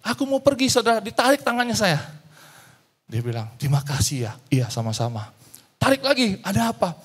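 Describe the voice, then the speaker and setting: A man's voice: high voice, huge pitch swings, a little fast, fairly bright tone, slightly rough. A male pastor telling a story in a sermon, acting out the dialogue and slipping into English phrases.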